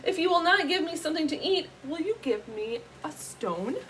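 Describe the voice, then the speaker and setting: A woman voicing a hungry, confident young traveller from a storybook, coaxing with drawn-out phrases. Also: high voice, expressive, a little hiss or hum, voice pushed up, poor audio. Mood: pleading.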